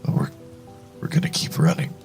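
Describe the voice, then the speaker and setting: A man narrating a first-person horror story in a hushed, deliberate, suspenseful way, with a gravelly voice. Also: faint music behind.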